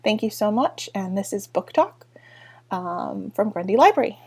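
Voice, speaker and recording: A woman librarian talks casually about a book and reads a passage aloud. She speaks at a middle pitch, pausing on fillers and correcting herself as she goes. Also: animated, vocal fry, a little mellow, husky. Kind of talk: book talk and read-aloud.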